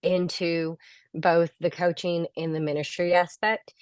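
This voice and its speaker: A woman's voice: fairly low pitch, little pitch movement, unhurried, clean tone, no room sound. A woman giving an emotional graduation speech over a phone on a video call, earnest and rambling as she fights back tears. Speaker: graduating health coach student.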